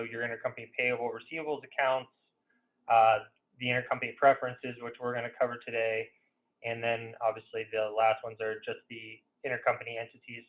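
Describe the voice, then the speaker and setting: A consultant presents a software demo on a webinar, his audio thin and narrow like a phone line. He talks informally and conversationally in a middle pitch with flat intonation, hesitating at times and often leaning on "you know."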